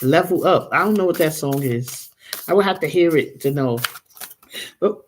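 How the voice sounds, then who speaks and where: A woman's voice: sits low, moderate pace, a little hiss or hum. Woman, 40s, tarot reader, casual rambling livestream host, addresses viewers directly.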